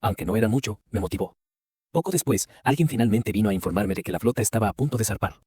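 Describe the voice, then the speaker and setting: A man giving a scripted first-person story narration with a brisk, even storytelling read. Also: on the low side, husky, dry recording, studio quality.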